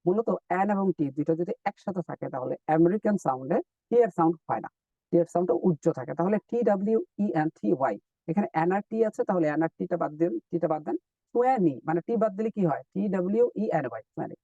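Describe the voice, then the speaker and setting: A man teaching English in a live online lesson, explaining step by step and repeating drill words slowly. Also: sits high, lively intonation, gravelly, warm tone, no room sound, far from the mic, highs cut off.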